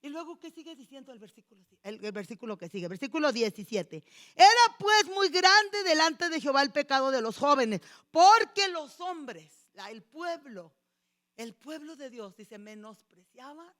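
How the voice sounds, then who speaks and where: A woman pastor preaching a sermon, animated and acting out the voices she quotes. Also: high voice, unhurried.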